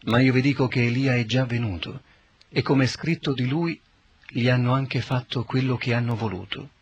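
Jesus, calm authoritative teacher, raspy, solemn, man reading; dull lo-fi audio. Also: medium pitch. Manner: solemn, measured. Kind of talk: scripted Bible reading. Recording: dull lo-fi recording.

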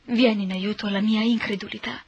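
A woman's voice: medium pitch, steady tone, a little fast, slightly rough, no room sound, muffled recording, lightly acted. Pleading desperate father, read by a woman. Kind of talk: scripted Bible reading.

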